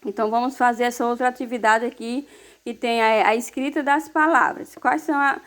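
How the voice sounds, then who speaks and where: A woman teacher, giving a recorded class lesson to young pupils, explaining slowly and patiently and often checking in with short tag questions. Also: on the high side, steady tone, a bit bright. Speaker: primary school teacher.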